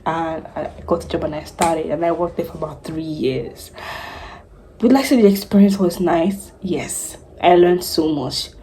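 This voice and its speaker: A woman's voice: sits low, unhurried, slight background noise, poor audio. Chatty Nigerian woman telling her story. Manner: chatty, animated storytelling with laughs. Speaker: vlogger, news anchor. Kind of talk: casual storytime vlog.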